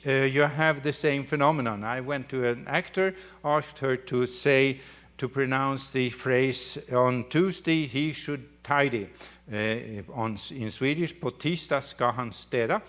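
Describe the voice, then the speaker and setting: A male lecturer talks through his slides in an academic lecture. He is unhurried, with frequent fillers and restarts as he searches for the right word. His voice sits at an ordinary male pitch. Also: fairly bright tone. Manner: halting, with many fillers and restarts. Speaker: university lecturer.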